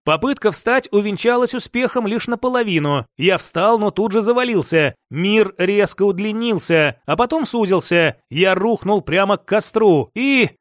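A man narrating a first-person audiobook with a higher-pitched voice and steady, even delivery. He is close to the mic in a dry, dead studio. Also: normal speed, hardly any pauses, no echo.

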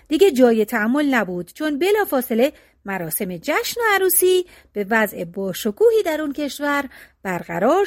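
Woman storyteller, folk tale reading, fairly high voice, very lively melody, dry close sound. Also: no echo.

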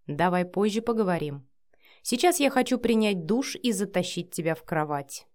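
A gruff, blunt man who is quick to anger and barks his words, read by a woman narrating an audiobook. His delivery stays short and rough. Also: mid-range voice, lively intonation, a little mellow, natural voice. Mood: weary.

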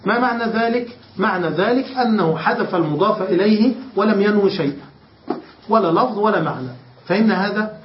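A man's voice: high-pitched, a little fast, slight background noise. A sheikh teaching Arabic grammar, explaining step by step and often checking that his students understand. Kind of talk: classroom lesson. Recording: roomy, dull lo-fi lecture recording.

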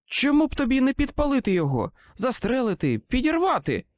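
A man's voice: extremely high pitch, big pitch swings, fairly quick, dry recording, voice pushed up, full character voice. A man voicing a frightened, blunt young woman in an audiobook, with a raised, urgent voice. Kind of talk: audiobook character voice.

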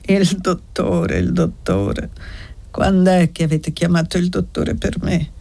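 A woman's voice: on the low side, steady tone, slow pace, dark tone, full character voice. A woman voicing a bitter, sickly old man. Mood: grumbling. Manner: gruff, raging then muttering.

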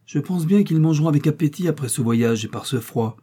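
A man voicing a bossy, domineering middle-aged wife who fires off sharp, impatient questions. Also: a little high, animated, fairly quick, husky, pitched above the performer's own voice.

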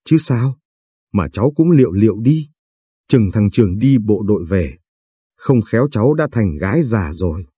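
A man's voice: lowish voice, animated, normal speed, warm tone, husky, dry recording, studio quality. A man voicing a frail, dying old grandfather who speaks wearily and teases his granddaughter fondly. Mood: teasing. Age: older.

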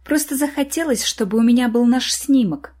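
A woman reading the lines of a charming, affectionate young woman who speaks gently and coyly. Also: a little high, normal speed, voice pushed up, natural voice. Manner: gentle, coy.

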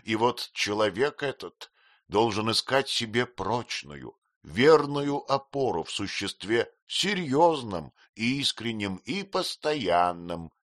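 A man reading an audiobook, voicing a blunt, fond elderly great-aunt who speaks in brisk exclamations. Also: fairly low pitch, expressive, fairly bright tone, dry recording, clean studio sound, pitched above the performer's own voice. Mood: wistful. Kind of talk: audiobook character voice.

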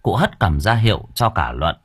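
A man narrating an audiobook story in a dramatic, expressive way. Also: low-pitched, normal speed, slightly rough, no echo, clean studio sound.

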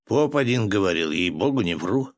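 Male reader as a boastful soldier, low, self-important. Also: animated, normal speed, no room sound, studio quality, natural voice.

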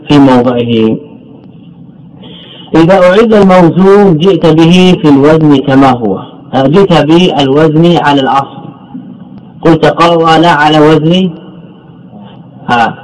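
A man's voice: on the high side, rough recording. A man teaching Arabic word patterns as a sheikh's lecture, repeating phrases, asking questions and answering them himself, and drawing out the example words. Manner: drawls and stresses the example words. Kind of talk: classroom lecture on grammar.

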